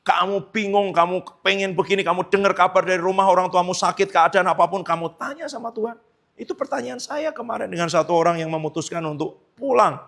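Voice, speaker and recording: A man's voice: high voice, fairly quick, vocal fry, a bit bright. A middle-aged man preaching a sermon as pastor, conversational, acting out quoted dialogue and using tag questions.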